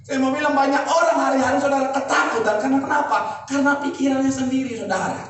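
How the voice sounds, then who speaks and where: A man's voice: very high voice, steady tone, fast talker, a bit bright, a little hiss or hum. A male pastor preaching a sermon in a large church, asking rhetorical questions with emphasis. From Indonesia. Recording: echoey church hall from far off.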